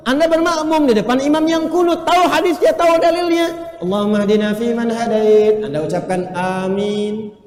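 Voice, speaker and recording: A man preaching a lively sermon to a live audience, quizzing the listeners and chanting Arabic phrases. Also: extremely high pitch. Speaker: Islamic preacher. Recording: echoey hall, faint ambience.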